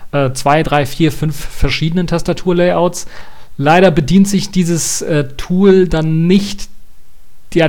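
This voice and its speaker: A man's voice: fairly high pitch, darkish tone. A man giving a casual spoken review of an operating system release, thinking aloud with many hesitations and restarts. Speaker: tech reviewer.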